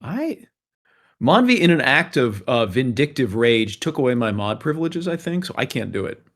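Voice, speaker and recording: A man's voice: mid-range voice, sing-song, normal speed, a bit bright. A man moderating a casual chat, joking and playful.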